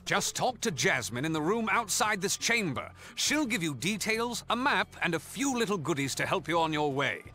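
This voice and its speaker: Loxley, a cheeky thief boss in a fake British accent. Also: male voice, high-pitched, sing-song, normal speed, hardly any pauses, pushed and bright, soft background music, heavily acted. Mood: breezy. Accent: put-on stereotypical British. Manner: breezy, theatrical, teasing. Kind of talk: game voice acting.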